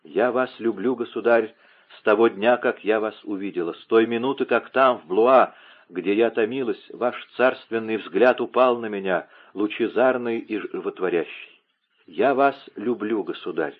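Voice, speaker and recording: Мужчина-чтец озвучивает отчаявшуюся молодую влюблённую девушку, страстно умоляющую. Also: male voice, on the low side, normal speed, lightly acted. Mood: pleading. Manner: impassioned, pleading. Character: young woman, distraught, pleading lover. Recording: narrow phone-like lo-fi sound.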